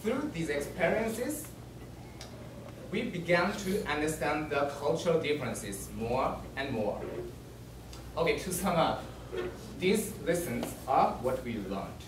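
Young Japanese-accented male student presenter, lively high voice, slow, echoey room from afar with noise. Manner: animated, laughing storyteller. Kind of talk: project presentation. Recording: echoey room, distant mic, noisy.

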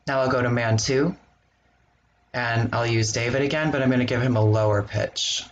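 Give me a man at a middle pitch walking through a software tutorial, relaxed and plain, with faint noise behind. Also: normal speed, muffled recording. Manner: relaxed step-by-step explaining with ums. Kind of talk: screen-recorded software walkthrough.

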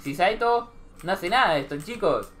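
A young woman with a Rioplatense Spanish accent hosting a gaming channel, giving excited gameplay commentary and shrieking when she loses. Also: fairly low pitch, moderate pace, over music. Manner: animated, shrieks when losing.

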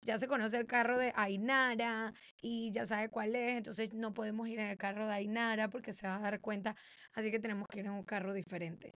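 Woman co-host telling a story, lively, does the voices, kinda high pitched, close dry mic. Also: fairly quick, no echo. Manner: animated storyteller acting out quoted voices with laughs. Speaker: podcast co-host. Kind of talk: casual chat.

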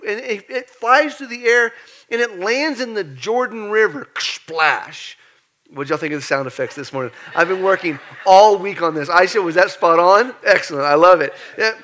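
Bright, high-voiced male preacher. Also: brisk. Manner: animated, jokey, acts out the story with voices. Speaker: pastor. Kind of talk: lively conversational sermon. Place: church sanctuary.

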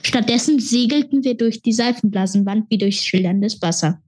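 A woman reading a children's fantasy novel aloud in a steady, expressive storytelling manner. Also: on the high side, normal speed, breathy edge. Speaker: reader.

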